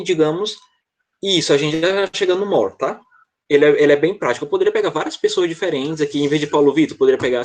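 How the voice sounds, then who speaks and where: Chatty male teacher, slightly high voice. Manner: chatty, relaxed, checks in often with "tá?". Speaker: English teacher. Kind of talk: online class explanation.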